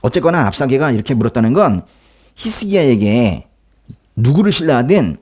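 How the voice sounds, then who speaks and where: Lively Korean pastor preaching a sermon. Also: male voice, mid-range voice, brisk, slightly rough. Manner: lively, explanatory preaching with laughs and dramatic quoted lines. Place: church.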